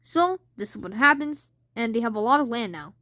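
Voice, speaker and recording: A woman's voice: fairly high pitch, animated, a little fast, sharp tone, no room sound, clean studio sound. A woman hosting a casual alternate-history map commentary, rambling with lots of fillers and unsure asides. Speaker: channel host.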